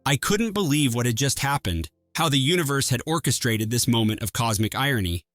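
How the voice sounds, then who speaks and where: A man's voice: mid-range voice, dry recording, soft background music. Man narrating a first-person story. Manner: even, measured storytelling.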